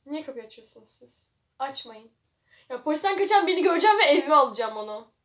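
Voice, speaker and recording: A woman's voice: sits high, lively intonation, fast talker, fairly bright tone. A young woman reading a web novel aloud for a vlog, breaking off with mocking, laughing comments. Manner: mocking asides, frequent laughter.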